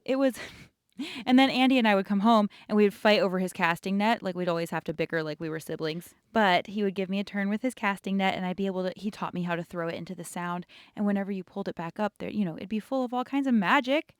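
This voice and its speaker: A woman's voice: medium pitch, fast talker, smooth, no room sound, studio quality. A young woman casually telling rambling childhood stories while sketching, laughing often. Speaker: art channel host.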